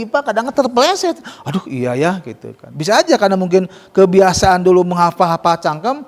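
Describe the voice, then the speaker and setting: A man teaching Quran recitation rules to students, explaining casually and modelling slow, drawn-out recitation. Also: high voice, big-room sound. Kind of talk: tajwid lesson with students.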